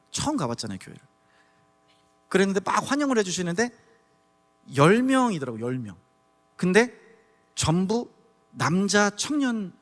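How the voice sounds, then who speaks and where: A man from Daegu giving a testimony sermon at a church service, telling his story in an animated way and acting out the scenes. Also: high-pitched. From Daegu, South Korea. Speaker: guest preacher. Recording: long church hall reverb.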